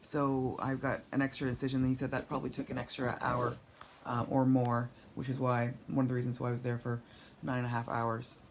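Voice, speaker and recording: In a bass voice with a flat, brisk delivery, a woman who is weak and sore after surgery talks candidly and wryly, rambling through a home video diary. She lies down holding a tablet overhead to record, and there's slight hiss or hum.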